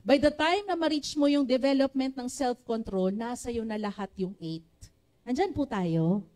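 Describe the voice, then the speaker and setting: A woman with a Filipino accent preaching a sermon to a church congregation, with a naturally loud voice, often calling on the congregation to respond. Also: a little high, moderate pace. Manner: switches between Tagalog and English, asks the congregation for responses.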